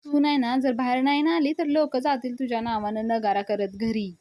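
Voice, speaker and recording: Woman doing a sharp-tongued scolding mother. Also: a little high, fairly even intonation, fairly quick, no echo, lightly acted. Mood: taunting. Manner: taunting, scolding.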